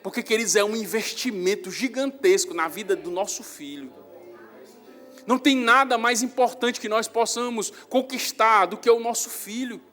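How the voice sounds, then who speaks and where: A young man, a pastor with a Northeastern Brazilian accent, preaching a sermon in a church hall with animated storytelling that rises loud on emphasis. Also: high-pitched, normal speed. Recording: reverberant church hall with faint music.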